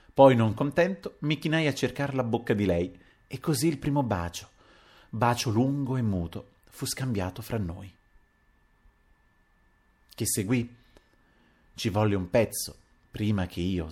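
A man reading a literary audiobook aloud in an expressive, dramatic storytelling manner. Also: on the low side. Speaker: audiobook reader.

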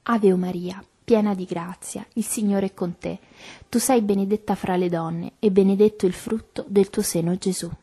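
A woman leading a recited rosary prayer in a soft, even, devotional way. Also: mid-range voice, moderate pace, slightly rough. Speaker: prayer leader.

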